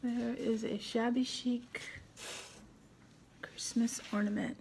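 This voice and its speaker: A woman's voice: on the high side, little pitch movement, slow, vocal fry, darkish tone, slight background noise. A middle-aged woman hosting a casual crafting tutorial at home, chatting and thinking aloud as she works. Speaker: craft video host.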